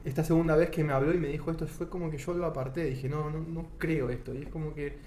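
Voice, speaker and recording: A man's voice: fairly high pitch, fairly even intonation, racing, warm tone. A young man with an Argentine accent tells his faith testimony in a casual interview, earnest and often restarting his sentences. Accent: Argentine Spanish. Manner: earnest, searching for words with many restarts. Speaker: guest giving testimony. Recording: echoey room with faint background noise.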